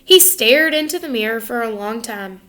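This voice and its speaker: A woman teacher, her voice a little high, reads a picture book to her students in an expressive, instructive manner, pausing to ask them questions.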